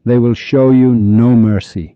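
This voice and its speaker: A man's voice: medium pitch, fairly even intonation, no echo. Iranian guy ranting about religion, upset, firing off questions n insults, dry muffled lo-fi sound. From Iran. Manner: scolding, insulting, rapid-fire rhetorical questions. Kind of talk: heated religious monologue. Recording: dull lo-fi recording.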